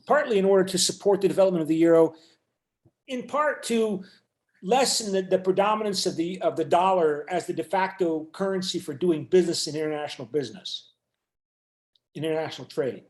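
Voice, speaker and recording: A man's voice: high-pitched, a little fast, echoey room. A man teaching an online university class, lecturing with many fillers and restarts over a video call. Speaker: university instructor.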